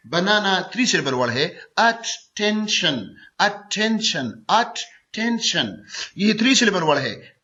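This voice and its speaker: A male teacher giving a recorded grammar lecture, slowly repeating each example word several times. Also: high-pitched, bright, forceful tone, highs cut off.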